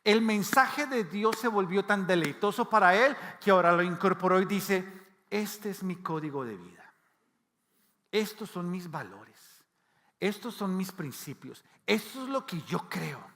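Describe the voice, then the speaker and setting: A man's voice: high-pitched, animated, unhurried, sharp tone. A man from Latin America preaching a sermon in a church hall, talking conversationally and asking the congregation questions. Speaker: pastor. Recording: long hall reverb.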